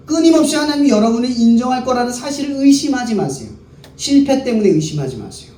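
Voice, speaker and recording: A man's voice: sits high, warm tone. A male pastor preaching a sermon to a youth service, keeping the crowd engaged by asking them questions and answering them himself. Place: worship hall. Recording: echoey room, voice picked up from a distance, faint background noise.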